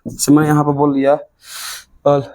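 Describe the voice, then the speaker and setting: A man's voice: on the high side, monotone, normal speed, darkish tone. Bihari Hindi man teaching at a board. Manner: repetitive, drills points, stretches words syllable by syllable. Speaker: English grammar teacher. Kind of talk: classroom lesson at a board. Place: classroom with a writing board.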